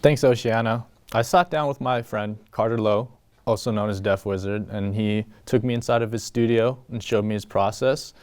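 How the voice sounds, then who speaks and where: A man reporter introduces his story in a relaxed, friendly manner, reading from a script. His voice sits a little low. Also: normal speed.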